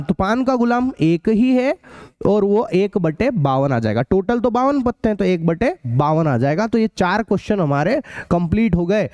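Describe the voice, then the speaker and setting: A young man with a North Indian accent teaching a live online maths class in a chatty way. He repeats key phrases slowly and calls his students beta and bhaiya. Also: high-pitched, a little mellow, dry recording. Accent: Hindi-speaking north India, local card-game terms. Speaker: maths tutor.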